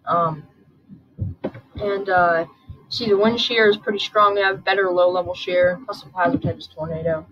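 A woman's voice: lowish voice, fairly even intonation, normal speed. A woman with a sore throat, just woken up, hosting a casual weather forecast and thinking aloud as she goes. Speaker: channel host. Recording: dull lo-fi recording with soft background music.

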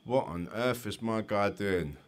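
A man's voice: lowish voice, a little slow, a little hiss or hum. A man with a London accent, a driving instructor giving chatty, explanatory commentary over driving test footage with light jokes.

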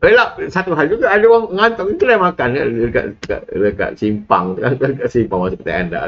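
A man's voice: medium pitch, fast talker, fairly bright tone, highs cut off. A man with a Malaysian accent lecturing a class in a casual, rambling way, full of fillers and asides. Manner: rambling, with many fillers and laughs.

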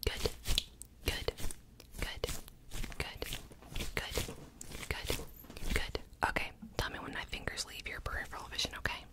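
In a small home room, a young woman whispers quickly into a big microphone right in front of her lips. Acting as an ASMR creator playing a cranial nerve examiner, she delivers brisk, clipped commands full of repeated short words.

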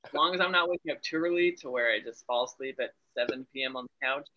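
A man's voice: mid-range voice, quick pace. A young adult man, an Air Force family medicine resident, chatting in an upbeat way and laughing easily over a video call. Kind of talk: casual video-call interview. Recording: dull video-call audio.

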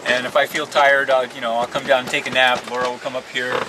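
A man's voice: mid-range voice, level tone, quick pace. An older man casually explaining life at sea on a sailboat, talking easily while he films. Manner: easygoing, explains plainly while filming. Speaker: sailing vlog co-host. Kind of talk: casual chat. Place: cockpit of a sailboat at sea, outdoors. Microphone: camera mic. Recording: camera audio with clear wind and sea noise.

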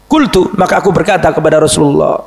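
A man's voice: on the high side, moderate pace. A man giving a storytelling religious lesson, quoting Arabic and explaining it, and asking his audience questions. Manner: recites Arabic phrases then explains them in Indonesian; lively storyteller who asks the audience questions. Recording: echoey hall with long reverb.

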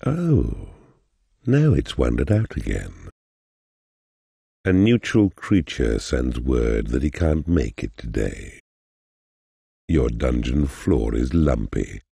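An actor playing a huge, sinister demonic mentor in a video game, giving sardonic, drawn-out advice in a gravelly, husky growl. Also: male voice, rumbling low, very animated, mellow, no echo, studio quality, heavily acted. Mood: deadpan, mocking. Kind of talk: scripted video game narration.

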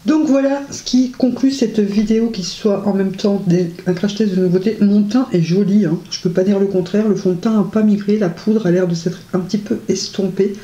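A woman's voice: mid-range voice, fairly even intonation, normal speed, few pauses, mellow, lo-fi sound. A woman casually reviewing makeup on her vlog, chatty and enthusiastic, with many hesitations and gushing words of praise. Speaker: beauty vlogger. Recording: roomy echo.

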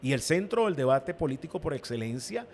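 A man's voice: mid-range voice, sing-song, fairly quick, a little mellow. A Venezuelan man, an opposition party leader, speaking as a guest in a political interview, emphatic and given to repeating his words.

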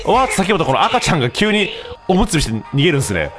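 A man doing casual, mocking gameplay commentary as a streamer, breaking into sudden loud outbursts. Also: fairly high pitch, big pitch swings, very fast, music in the background.

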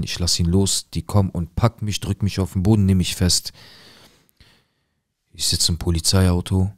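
A man narrating a dramatic first-person story, mostly low and hushed, with agitated quoted outbursts. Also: no room sound, clean studio sound. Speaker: storyteller recounting a viewer's story.

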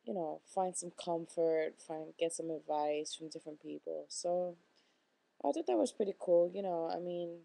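A woman's voice: on the low side, normal speed, vocal fry, mellow, no echo, poor audio. A young woman talking casually into her webcam at home, rambling and self-deprecating, admitting she mumbles. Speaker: vlogger. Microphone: webcam microphone.

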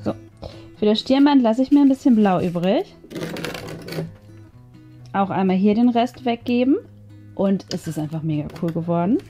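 Talking through her craft project in a chatty, think-aloud way, a woman speaks in a mid-range, warm voice with lively intonation at normal speed. She pauses often, and the recording is muffled, with music in the background.

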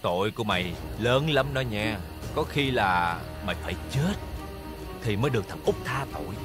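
An actor playing an arrogant, abusive eldest son in a TV drama, with a Southern Vietnamese accent and a harsh, bullying manner. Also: male voice, on the low side, animated, moderate pace, natural voice. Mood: leering. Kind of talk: TV drama acting. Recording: music playing behind.

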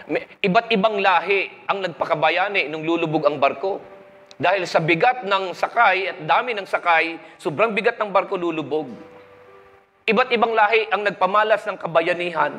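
A Filipino man preaches a sermon in an echoey hall, telling joking stories and switching into English phrases. His voice sits high and is bright with a forceful tone.

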